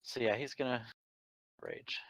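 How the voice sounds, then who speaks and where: Man, tabletop player, bright creaky voice, lively pitch, informal joking chat, dry close sound. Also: unhurried, no echo, low-quality recording. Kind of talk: casual game chat.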